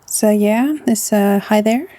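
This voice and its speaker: A Norwegian-accented woman chats her way through a game, her voice mellow and warm at a middle pitch. She often slips into a soft half-whisper between remarks. The sound is close and dry, with no room around it. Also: slow, dry recording. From Norway. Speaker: gaming channel host. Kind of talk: casual let's-play commentary.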